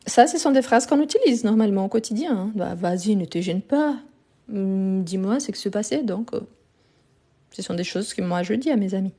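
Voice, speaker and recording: A woman's voice: mid-range voice, warm tone. A woman giving a live online grammar lesson, explaining patiently and repeating the key words, recorded on a phone. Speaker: French teacher. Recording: phone live stream, slightly lo-fi.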